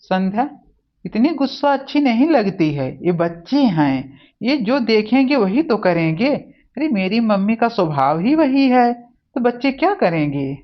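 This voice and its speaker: A woman's voice: fairly high pitch, big pitch swings, measured pace. A woman voicing a kind young husband in a family cartoon, speaking soothingly. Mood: calm. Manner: soothing, reassuring. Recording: dull lo-fi audio.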